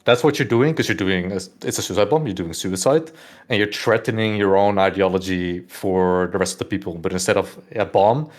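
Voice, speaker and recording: A young man with a Dutch accent and a very low, deep voice talks through a casual podcast discussion. He rambles in long loose runs, leaning on "like" and "right?" as he goes. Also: brisk. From Netherlands. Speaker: podcast host.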